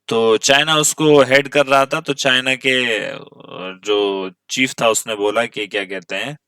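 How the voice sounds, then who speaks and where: Man, teacher, bright, dry sound, a little distant. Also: medium pitch, steady tone, smooth, dry recording. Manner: reads English phrases slowly, then explains in Urdu; repeats words and asks the class questions. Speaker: English teacher. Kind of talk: explaining an English text with Urdu translation. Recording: voice from a distance from the mic.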